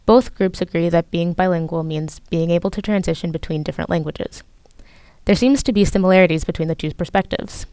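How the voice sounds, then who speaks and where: A young woman, a student interpreter, narrating a calm explanatory voiceover. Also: fairly low pitch, brisk, clean tone, no echo, studio quality. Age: young adult.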